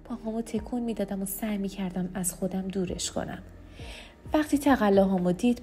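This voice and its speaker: Woman narrating a dark novel, mellow. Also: mid-range voice. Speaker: audiobook narrator. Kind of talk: first-person novel reading.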